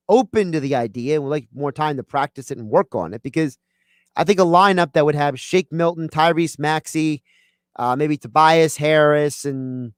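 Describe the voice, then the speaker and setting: A man's voice: on the high side, clear, resonant tone, no echo, clean studio sound. A man hosting a sports talk radio show, thinking aloud in a conversational way. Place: radio studio.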